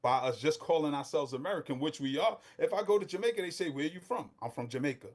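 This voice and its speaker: Fast-talking and animated, with a slightly high voice, this middle-aged guest from Brooklyn, New York gets impassioned on a casual podcast. He uses street slang and grows so heated he nearly shouts.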